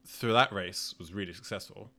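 A man co-hosting a podcast, reflective and a bit halting, with restarts as he thinks aloud. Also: low voice, creaky, pushed and bright. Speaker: podcast co-host. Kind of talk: casual podcast chat.

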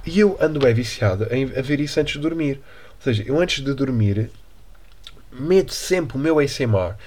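A man's voice: mid-range voice, lively intonation, moderate pace, a little mellow. A young man from Portugal with a European Portuguese accent, hosting a casual solo podcast in a rambling, slangy, joking way. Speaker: podcast host.

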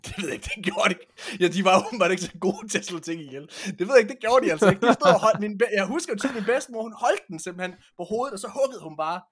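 A man's voice: high voice, few pauses, slightly rough. A man co-hosting a casual podcast chat, telling stories with lots of animation. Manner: animated storyteller, acts out voices. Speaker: podcast co-host.

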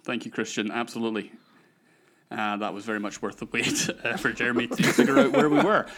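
A Scottish man hosts a laid-back podcast over a remote call, with a middle-pitched voice. He chats freely and pokes fun at himself and his co-hosts, breaking into laughter often. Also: sing-song, fairly quick, a bit bright. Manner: chatty, self-mocking, laughs often. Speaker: podcast host. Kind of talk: casual chat.

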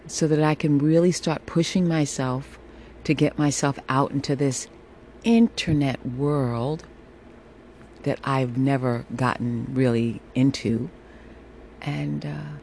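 A woman with a sultry, mellow voice talks slowly and reassuringly, as if checking in on her podcast listeners. She repeats phrases for emphasis, and a faint air-conditioner noise sits behind her as she records on a phone in a room at home. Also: sits low. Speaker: podcast host. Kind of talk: casual solo podcast monologue, encouraging check-in.

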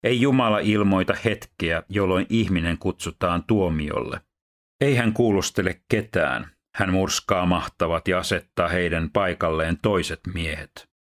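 A man reading Bible passages aloud in a steady, measured way, then going on to teach about them. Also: low-pitched. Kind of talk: scripture reading.

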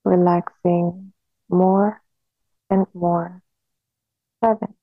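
This woman's voice sits on the low side as she guides a hypnosis relaxation, delivering it flatly in a slow, soothing hypnotist style with long pauses. The recording is dry and sounds narrow, like a phone.

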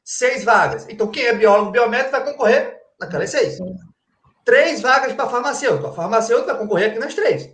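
A man's voice: very high-pitched, lively intonation, quick pace, a bit bright. Didactic man in a roomy space. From Brazil, Pernambuco. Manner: didactic, colloquial, rhetorical questions, frequent "tá?" check-ins. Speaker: guest, forensic crime-scene expert. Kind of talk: explanatory conversational talk. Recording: roomy echo.

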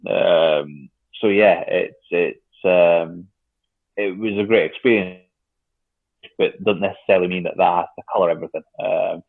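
A young man in his twenties with a very deep voice. He talks casually and hesitantly, full of fillers and restarts. The sound is thin and phone-like, dry, with no room echo. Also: fairly even intonation, moderate pace. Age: 20s. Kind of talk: casual conversation. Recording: tinny phone-like line.

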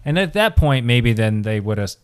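Guy on a podcast, rambly, keeps restarting his sentences, mid pitch. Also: very animated, normal speed, smooth. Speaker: podcast co-host. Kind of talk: casual chat.

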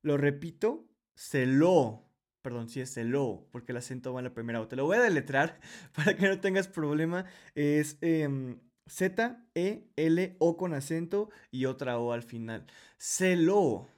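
A man gives a casual Bible study, talking straight to the listener. He explains each point step by step in a conversational way. His voice sits a little high for a man. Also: normal speed. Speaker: Bible teacher, podcast host.

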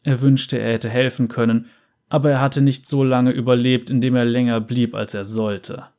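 Man calmly reading a fantasy story. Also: mid-range voice, moderate pace. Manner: calm, steady narration.

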